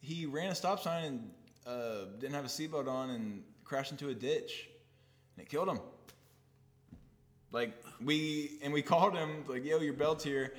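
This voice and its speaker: A man's voice: fairly high pitch, a little slow. A young man co-hosting a casual chat, rambling and self-deprecating, swearing freely. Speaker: podcast co-host.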